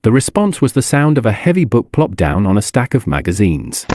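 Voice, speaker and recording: A man reading a story aloud as narrator, in an expressive, lively way. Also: mid-range voice, a little fast, slight background noise.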